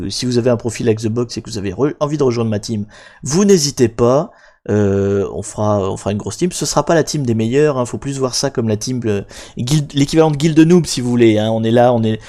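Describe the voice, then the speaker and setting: A man's voice: mid-range voice, a little mellow. A young man hosting a live stream, chatting casually and rambling with many fillers and self-mocking asides. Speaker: livestream host. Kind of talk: casual live-stream chat explaining hacking.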